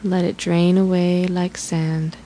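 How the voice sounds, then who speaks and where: Leading a guided relaxation, a woman speaks in a calm, instructional way at a very slow pace, her voice a little low and mellow with little pitch movement. A faint hiss runs beneath this low-quality recording.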